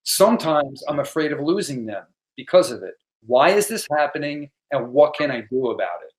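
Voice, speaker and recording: A man hosting an interview, reading student questions aloud and reflecting in a measured way. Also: a little high, big pitch swings. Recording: echoey room.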